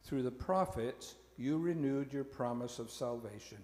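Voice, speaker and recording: Man, minister, slow measured liturgy, cathedral echo, long reverb, organ music behind. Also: medium pitch, darkish tone. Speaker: presiding minister. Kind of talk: leading a liturgical prayer. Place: large church. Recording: echoey church hall with music.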